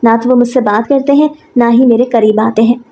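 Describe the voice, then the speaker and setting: A woman voicing a meek, tearful young second wife who talks softly and pleads, read as part of a storybook narration. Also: a little high, fairly even intonation, fairly quick, lo-fi sound, natural voice. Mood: pleading. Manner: soft, pleading.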